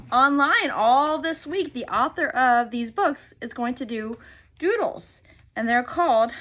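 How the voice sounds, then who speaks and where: Reading a picture book to young kids, a female teacher pronounces each word with care and asks them questions along the way. Her voice is fairly high and fairly bright.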